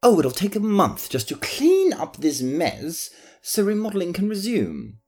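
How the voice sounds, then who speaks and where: A woman voicing a nervous, greedy male nobleman who stammers and pleads, with a breathy voice. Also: mid-range voice, huge pitch swings, measured pace, darkish tone, pitched above the performer's own voice, exaggerated voice. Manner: nervous, then frantic and pleading. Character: panicky greedy nobleman who killed his mother.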